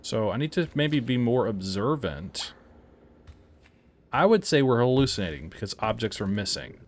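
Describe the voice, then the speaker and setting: A man's voice: mid-range voice, sing-song, moderate pace, a little hiss or hum. A man casually commenting as he plays a horror game, thinking aloud, puzzled, with startled yelps and laughs. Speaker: game reviewer playing a horror game. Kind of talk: casual let's-play commentary.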